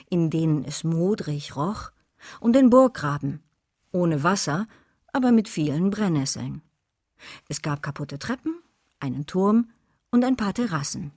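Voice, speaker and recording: A woman narrating a children's audiobook calmly and evenly. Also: lowish voice, no echo, studio quality.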